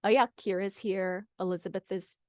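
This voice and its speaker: A middle-aged Californian webinar host keeps a steady tone at medium pitch and normal speed as she chats casually on an online video call. She reads audience comments aloud, encourages people, and repeats answers back. Her tone is darkish, with clean studio sound and no room sound.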